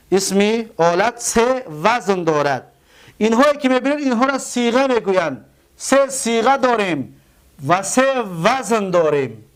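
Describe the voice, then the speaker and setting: In this grammar lesson, a Tajik-accented man speaks slowly, repeats words, and spells them out one letter at a time. His high-pitched voice sounds smooth.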